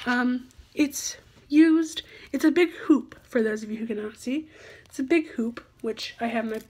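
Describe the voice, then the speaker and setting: A woman's voice: fairly high pitch, husky. A teenage girl vlogging casually, chatty and giggly, rambling as she shows off her things. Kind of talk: casual show-and-tell.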